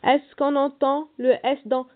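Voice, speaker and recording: Woman, primary teacher, slow and patient, spells out letters, a touch high, thin phone-quality audio. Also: flat delivery. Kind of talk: primary school reading lesson.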